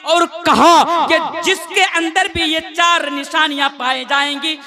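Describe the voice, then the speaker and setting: A man in his twenties from India preaching a sermon to a live gathering, declaiming with passion and calling on the crowd to respond. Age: 20s. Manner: impassioned, high-pitched declamation with call-and-response to the crowd.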